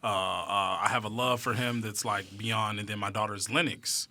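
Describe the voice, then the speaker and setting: A man's voice: fairly low pitch, fairly even intonation, moderate pace, sharp tone, dry recording. A man in his thirties hosting a podcast, chatting in a laid-back, conversational way. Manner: laid-back, conversational with restarts and "you know". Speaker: podcast host. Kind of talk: casual interview chat.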